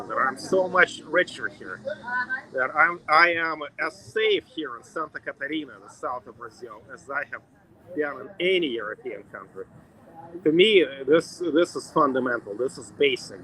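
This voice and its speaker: A man's voice: mid-range voice, pushed and bright, rough recording. A middle-aged man from Russia hosting a casual chat outdoors, talking emphatically in repeated lists. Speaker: host.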